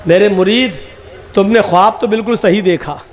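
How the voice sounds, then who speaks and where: A man voicing a crafty old pir who smoothly talks his way out of trouble. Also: sits high, moderate pace, reverberant, close to an everyday voice. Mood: self-assured. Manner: smooth, self-assured.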